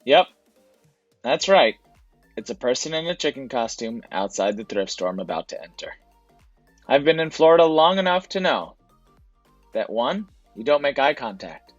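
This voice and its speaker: A man's voice: mid-range voice, big pitch swings, moderate pace, no room sound, muffled recording, faint music behind. A man narrating his thrift store trip as a voice-over for his reselling vlog, in a casual, explanatory way. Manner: casual, explanatory, repeats "to be honest".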